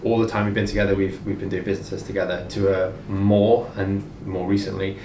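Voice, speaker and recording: A man's voice: lowish voice, flat delivery, fairly quick, darkish tone. A man co-hosting a casual conversation, explaining his views in a conversational way. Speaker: co-host, business owner. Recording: echoey room, distant mic, background noise.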